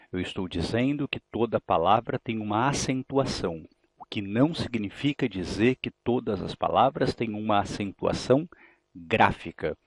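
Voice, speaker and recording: Man, brazilian portuguese accent, grammar teacher, rhetorical questions, gravelly, dry room. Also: on the low side, dry recording. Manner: explanatory, asks rhetorical questions, repeats key points. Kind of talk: exam-prep grammar lesson.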